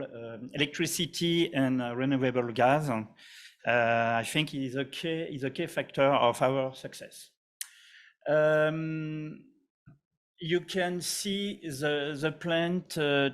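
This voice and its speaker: A man with a French accent giving a conference presentation, halting, with many fillers and restarts. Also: mid-range voice. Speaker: conference speaker.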